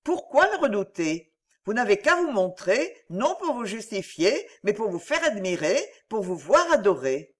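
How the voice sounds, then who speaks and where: A woman reading an audiobook, voicing a kind young woman who speaks slowly and tenderly. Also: mid-range voice, very animated. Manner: slow, tender. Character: gentle, kind young woman comforting a friend.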